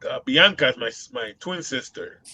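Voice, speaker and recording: A man's voice: mid-range voice, expressive, normal speed, bright, forceful tone. A man with a Boston accent hosting a casual live show, rambling with many fillers and laughing often. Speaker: host.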